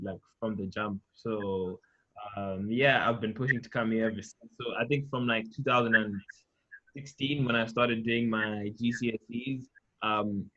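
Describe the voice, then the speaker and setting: A young man from Zimbabwe, chatting casually on a panel, full of fillers and trailing off quietly. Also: lowish voice, lo-fi sound. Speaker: panel guest, medical student. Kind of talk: casual chat.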